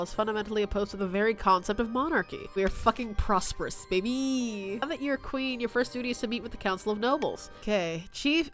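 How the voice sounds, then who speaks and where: A young woman streaming a strategy game, reading its text aloud and joking in a giggly, excitable way, swearing freely. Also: a little high. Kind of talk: game livestream with read-aloud narration.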